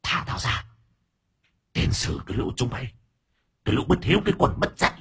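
A man's voice: medium pitch, sing-song, a little fast, fairly bright tone, slightly rough, pitched above the performer's own voice, heavily acted. A man voicing a possessed old woman whose hateful spirit hisses and shrieks curses in a storybook.

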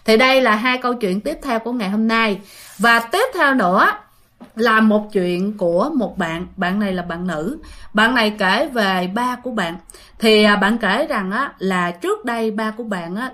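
A woman's voice: mid-range voice, fairly bright tone. A woman with a Southern Vietnamese accent, casually retelling ghost stories sent in by listeners, full of chatty fillers. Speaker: ghost story narrator.

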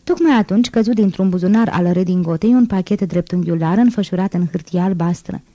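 A woman narrating an audiobook in a measured, clear reading. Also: fairly low pitch, mellow, no room sound, lo-fi sound. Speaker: audiobook reader.

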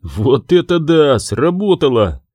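A man voicing a calm, protective young male resistance leader in an audiobook. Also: medium pitch, moderate pace, dry recording, close to an everyday voice. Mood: excited. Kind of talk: audiobook character voice.

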